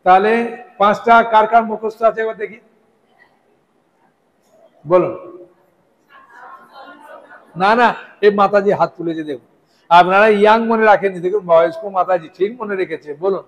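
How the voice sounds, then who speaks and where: A man preaching a devotional sermon to a live audience, speaking slowly and deliberately and often checking in with his listeners with questions. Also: sits high. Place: hall with a gathered audience. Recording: echoey hall.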